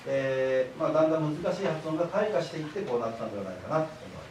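A man's voice: fairly high pitch, animated, very fast. A man giving a public lecture, explaining patiently and having the audience repeat words after him. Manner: patient explanatory, leads audience call-and-response. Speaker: lecturer, library director. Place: echoey lecture hall. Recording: very echoey hall, voice from far off, faint hiss.

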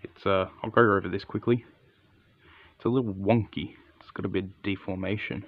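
A man's voice: deep voice, steady tone, brisk, dry recording, phone-quality sound. A man giving a casual, unscripted hands-on product review in an understated, matter-of-fact way.

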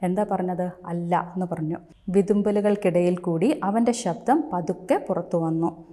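A woman's voice: lowish voice, moderate pace, warm tone. A woman teaching a primary-school class online. She reads a story line by line, restates each part in simpler words and asks the pupils questions about it. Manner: retells each sentence, then quizzes pupils.

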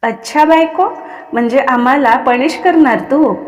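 A woman's voice: high-pitched, a little slow, big-room sound. Woman reading as a smug teasing husband. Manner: smug, mocking, calls himself "we". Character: teasing arrogant young husband, man.

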